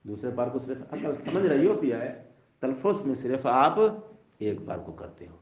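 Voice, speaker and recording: A man's voice: mid-range voice, animated. A man teaching a seminary logic class, asking questions and letting students finish his sentences. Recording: echoey dull lo-fi classroom audio.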